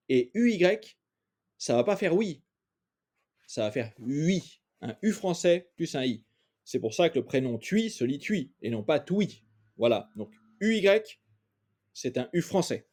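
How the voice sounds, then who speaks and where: Lively-voiced male language teacher. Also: fairly high pitch. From France. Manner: patient, sounds out each vowel slowly and repeats it. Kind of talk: explaining pronunciation in a lesson.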